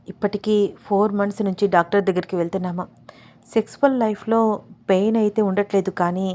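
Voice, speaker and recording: Woman voicing a shy young bride. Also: close to an everyday voice. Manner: coy, bashful, higher and brighter.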